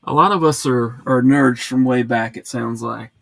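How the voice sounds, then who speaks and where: A man's voice: medium pitch, normal speed, creaky, fairly bright tone, no room sound. A man hosting a casual live chat, reading out viewer comments and rambling along with plenty of fillers and restarts from home.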